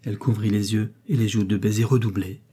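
A man narrating a novel as an audiobook, with a steady, expressive literary reading. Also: lowish voice, brisk, breathy edge.

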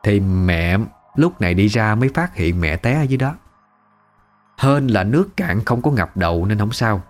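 A man with a Southern Vietnamese accent tells a first-person family story in a low voice. His delivery is conversational and emotive. Soft music plays faintly in the background. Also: lively intonation, normal speed.

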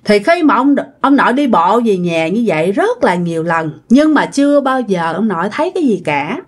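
A woman's voice: mid-range voice, very animated, normal speed. A woman with a Southern Vietnamese accent telling a ghost story in a casual, chatty way, speaking directly to her listeners. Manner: chatty, addresses listeners directly, many tag particles.

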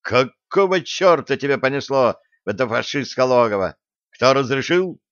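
A gruff, bossy starship captain, as a man acts him out, barks orders in a commanding, irritable tone. His voice sits at an ordinary male pitch. The recording is dry and slightly dull, like a home audiobook. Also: lively intonation, measured pace, a bit bright, no room sound.

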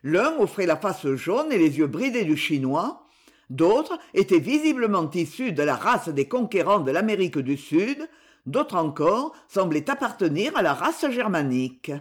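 A woman narrating an old adventure novel aloud, reading with lively expression. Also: on the low side, moderate pace, husky. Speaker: audiobook reader. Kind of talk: scripted narration.

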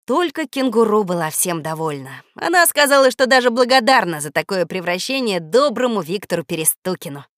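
Expressive woman reading a children's audiobook. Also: mid-range voice, a little fast, few pauses, no room sound, studio quality. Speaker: audiobook narrator.

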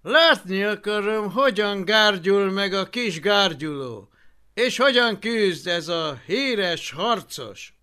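A woman's voice: medium pitch, expressive, pushed and bright, clear, resonant tone, voice pushed up. A woman voicing a fat, bored Roman consul who speaks in a lazy, yawning drawl.

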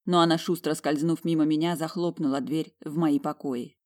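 A woman with a fairly low voice narrates a first-person story as an audiobook. Her reading is emotional and inward, and she leans into the narrator's feelings. The delivery stays steady and measured.

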